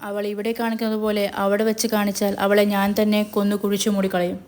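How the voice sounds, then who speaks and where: A cruel, vengeful kidnapper, as a woman puts him on in a retold soap-drama story. He speaks slowly and with menace, in a flat, level delivery that barely rises or falls. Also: lightly acted. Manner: threatening, slow and low.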